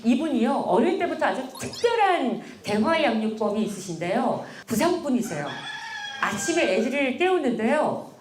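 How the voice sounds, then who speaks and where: A woman lecturer talks animatedly and playfully, speaking straight to her audience. Her high voice swings widely in pitch. The echo of a large lecture hall carries every word. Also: very animated, normal speed, a little mellow, slight background noise. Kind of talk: motivational lecture.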